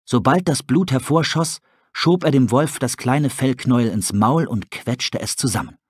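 Male audiobook narrator, husky tone, dry close sound. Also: medium pitch, normal speed, no echo. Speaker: audiobook reader. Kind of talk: storybook narration.

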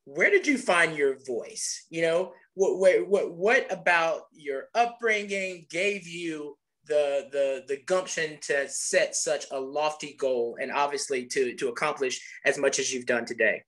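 A man's voice: on the high side, a little slow, hardly any pauses, a bit bright, low-quality recording. A man hosting a webinar interview, asking conversational questions and often stammering on repeated words. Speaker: interview host.

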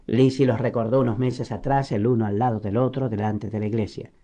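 A man from reading an audiobook novel in a steady, measured way. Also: mid-range voice. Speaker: audiobook narrator. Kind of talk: scripted narration.

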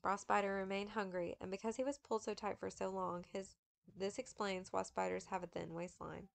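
A woman reading a memoir aloud in a steady, measured manner, with occasional slips. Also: mid-range voice, gravelly. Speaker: audiobook reader.

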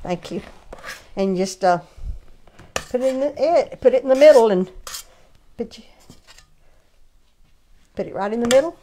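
A woman hosting a casual cooking demonstration in her home kitchen, chatty and halting with many restarts. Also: a little high, lively intonation, warm tone, slight background noise. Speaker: cooking show host.

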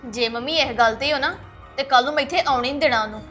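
A bright, high voice rushing through arguments as a combative daughter-in-law, played by a woman in a family web series. Music sits faintly underneath. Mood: defiant. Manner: rapid, argumentative. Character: defiant young daughter-in-law, outspoken and combative.

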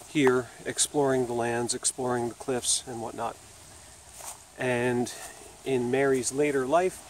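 A man's voice: medium pitch, slight background noise. A man in his thirties narrating a casual walking vlog outdoors, talking into a camera held at arm's length, chatty and loose, thinking aloud with fillers. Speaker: video host exploring ruins. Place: outdoor woodland trail by a river.

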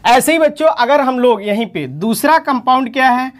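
A woman's voice: high-pitched, expressive, normal speed. A woman chemistry teacher giving an online lesson, calling her students children and repeating each term for emphasis.

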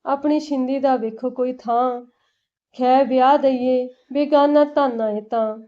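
A woman voicing a sharp-tongued but caring old mother in a village family story, speaking in a blunt, scolding way. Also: high voice, fairly even intonation, unhurried. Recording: dull lo-fi recording.

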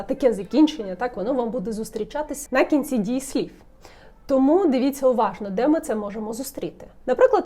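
A young woman teaching French pronunciation, repeating example words slowly and checking in with the viewer. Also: a little high, warm tone. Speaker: French tutor. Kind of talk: language lesson, modelling pronunciation.

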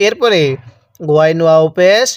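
A Bangladeshi Bengali-accented man leads a slow recitation lesson in reading Arabic letters, going through syllables one by one and repeating every one for the learner. His voice is high and animated at a measured pace, in studio quality with no room sound.

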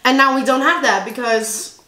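In an echoey room at home with family, a native Dutch vlogger in her 20s eats and chats with her sister for a casual mukbang. She's giggly, with a sharp, high-pitched voice at a moderate pace.

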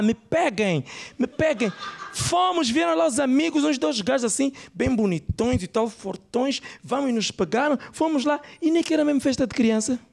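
A man's voice: extremely high pitch, vocal fry, heavily acted. A man playing a brash, gossipy Angolan woman. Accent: Angolan Portuguese. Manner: chatty, animated storytelling. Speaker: stand-up comedian. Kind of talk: stand-up character bit. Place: comedy club stage.

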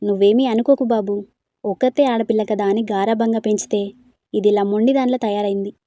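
A woman's voice: mid-range voice, steady tone, brisk, mellow, dry recording, natural voice. A woman reading a storybook, voicing a fond elderly grandmother who speaks in a coaxing, soothing way.

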